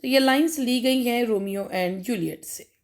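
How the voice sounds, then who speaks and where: An Indian woman with a fairly high voice speaks slowly in an exam-prep lecture on English literature. She reads each question aloud, then explains it, using lots of fillers.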